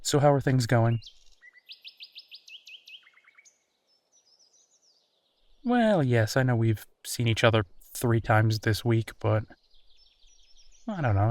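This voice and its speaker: A man voices a friendly, easygoing werewolf boyfriend in human form for an intimate roleplay audio, musing conversationally with hesitant pauses. His medium-pitched voice sounds warm and casual, with no echo.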